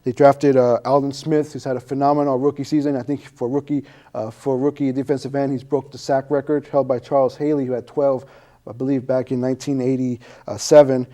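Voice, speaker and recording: A man's voice: mid-range voice, flat delivery, a little fast, warm tone. A man co-hosting a sports show, recapping the football season hesitantly with many fillers.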